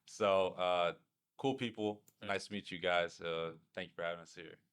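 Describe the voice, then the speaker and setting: A man's voice: low voice, steady tone, moderate pace, a bit bright, clear, resonant tone. A man chatting casually as a podcast guest in a plain, anecdotal way. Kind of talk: casual chat.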